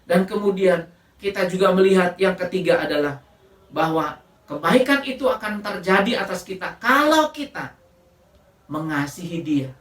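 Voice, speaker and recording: A woman preacher giving a sermon, telling a story in an animated way and often addressing the congregation directly. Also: fairly low pitch, normal speed, echoey room, far from the mic. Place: church.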